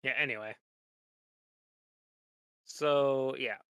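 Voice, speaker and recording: A man running a tabletop game as game master, narrating in a relaxed, teasing way. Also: medium pitch, drawn-out words, smooth, no echo, highs cut off.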